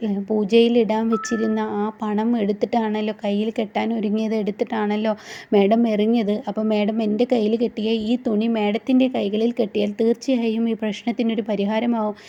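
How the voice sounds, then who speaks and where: A woman's voice: mid-range voice, vocal fry, mellow, muffled recording, slight background noise, natural voice. A woman voicing a meek, devout young wife who pleads politely.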